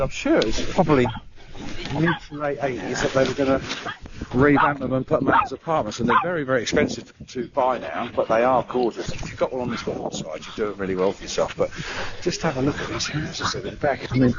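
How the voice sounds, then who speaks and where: Middle-aged male vlogger, slightly winded, chatty and rambling; dull handheld sound with steady outdoor noise. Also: medium pitch, a little fast. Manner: rambling, chatty, with frequent "uh" and restarts. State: out of breath. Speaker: travel vlogger. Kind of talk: casual walking vlog. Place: outdoor park by the water.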